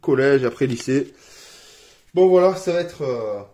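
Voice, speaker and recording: Relaxed French man unboxing a game. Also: medium pitch, unhurried. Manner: relaxed, laughs at his own English accent. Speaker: board game reviewer. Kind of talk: casual unboxing chat.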